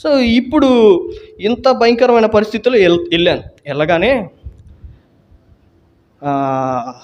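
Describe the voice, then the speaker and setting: A man's voice: high voice, dull audio. A man telling his personal salvation testimony in an earnest storytelling way, with frequent restarts and hesitations. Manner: earnest storytelling that acts out quoted dialogue.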